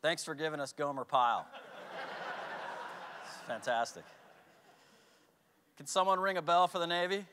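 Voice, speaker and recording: A man's voice: on the high side, expressive, moderate pace, long pauses, noisy background. A man speaking at a ceremony, giving playful, joking remarks.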